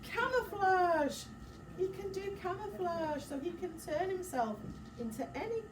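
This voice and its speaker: A woman teacher reads a picture book aloud to children in a very high-pitched voice at a measured pace. She's expressive, with dramatic gasps, and breaks off for encouraging questions and asides. The mic is distant in a roomy space with clear background noise.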